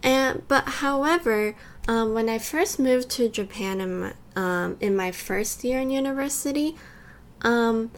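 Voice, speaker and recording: This fairly high, unhurried female voice belongs to a young podcast co-host who grew up in both California and Taiwan. She keeps things conversational, dropping "like" into her sentences frequently.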